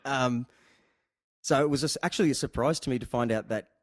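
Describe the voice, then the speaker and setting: A man's voice: mid-range voice, fairly quick, no echo, studio quality. An Australian man hosting a casual chat interview, talking in a rambling, joking and teasing way. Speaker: show host.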